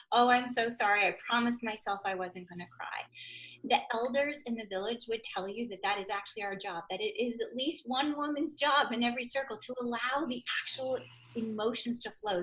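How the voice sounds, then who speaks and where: A woman's voice: a little high, bright, forceful tone, rough recording. A woman co-hosting a live panel, talking with earnest passion and acting out quoted voices. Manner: earnest, impassioned, quotes others in little voices. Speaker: co-founder, circle facilitator. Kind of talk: livestream panel talk.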